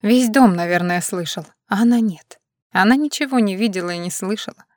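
A woman's voice: medium pitch, brisk, a little mellow, dry recording, studio quality. A woman narrating an audiobook in a dramatic, emotional way. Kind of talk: scripted narration.

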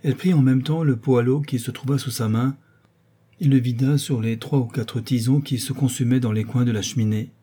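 Brief: male audiobook narrator, dark husky voice, measured and expressive. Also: mid-range voice.

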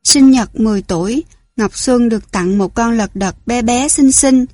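A woman reading a storybook aloud, gentle and clear. Her voice is a little high. The recording is dry and close, with no room around it. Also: moderate pace, no room sound. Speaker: narrator.

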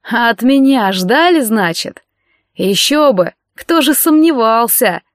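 A woman's voice: on the high side, animated, slow pace, dry recording. A woman voicing an anxious, self-pitying young nobleman who pleads and breaks into bitter outcries, in a dry audiobook reading. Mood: bitter outburst. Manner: pleading, tearful, bursts into outcries.

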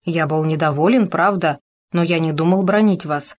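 Young male officer, earnest, declaiming, read by a woman, low voice. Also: moderate pace, a little mellow. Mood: calm. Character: young male officer, brave then shaken. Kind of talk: audiobook character reading.

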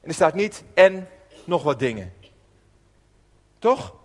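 A man with a high voice preaching an informal sermon, earnest and chatty, with plenty of rhetorical questions. His voice rings with a long hall reverb. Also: sing-song, takes it slowly. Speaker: preacher, podcast host.

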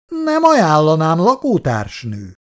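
A man reading a story aloud and voicing a calm, kindly older father who speaks in a mild manner. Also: fairly high pitch.

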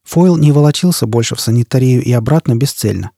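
Mellow, husky male audiobook narrator. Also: mid-range voice, fast talker, no room sound, clean studio sound. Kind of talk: scripted narration.

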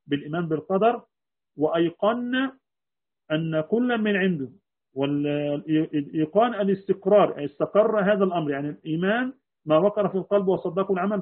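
A religious teacher with an Egyptian Arabic accent delivers a creed lesson, speaking fast in a high voice. He poses rhetorical questions and then answers them himself. The audio sounds tinny, like a phone.

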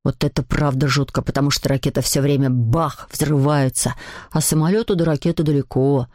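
A woman reading aloud voices an excitable schoolboy who talks dramatically. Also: deep voice, brisk, no echo, clean studio sound, pitched below the performer's own voice, lightly acted. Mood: dramatic. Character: excitable schoolboy, fond of scary ideas.

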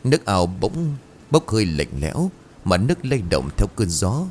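Deep-voiced man telling a ghost story. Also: sing-song, normal speed, a little mellow, slight background noise. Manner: dramatic, suspenseful telling. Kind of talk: scripted ghost story narration.

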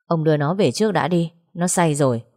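A woman voicing a stern but calm adult man in an audio story. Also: low voice, a little fast, lightly acted. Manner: firm, controlled.

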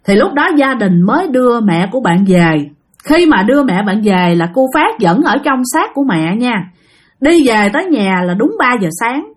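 High, lively woman storyteller. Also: moderate pace. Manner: chatty, addresses listeners directly. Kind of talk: casual spoken ghost storytelling.

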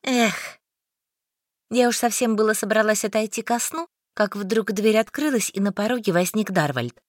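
A woman reading first-person fiction aloud in a wry, expressive manner. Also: medium pitch, normal speed, dry recording, studio quality. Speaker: audiobook narrator.

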